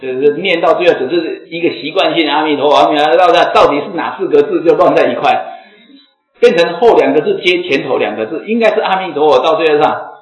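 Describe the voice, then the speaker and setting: A slightly hoarse man giving a Buddhist dharma talk to a seated audience, explaining and chanting examples aloud. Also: fairly high pitch, quick pace. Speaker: Buddhist teacher. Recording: echoey phone-like lecture recording, faint music.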